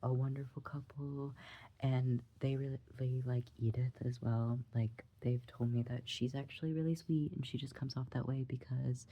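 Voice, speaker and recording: A young adult performer voicing a gossipy tenant in an ASMR role-play, confiding in a soft, breathy, hesitant gossip soft voice. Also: medium pitch, fairly even intonation, normal speed, dull audio, natural voice. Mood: confiding, suspicious.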